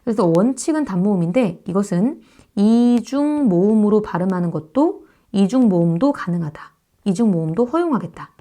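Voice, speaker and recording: A woman giving an online grammar lecture. She explains slowly, addresses her students directly, and repeats vowel sounds to demonstrate pronunciation. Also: medium pitch, animated, warm tone. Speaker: Korean grammar teacher.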